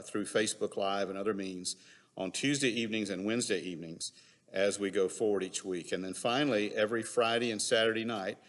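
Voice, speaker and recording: Hallway echo, long church reverb, man, lowish pitch, pastor's update, measured, halting, deliberate phrasing. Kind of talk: prepared pastoral update, speaking to congregation. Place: large empty church sanctuary indoors.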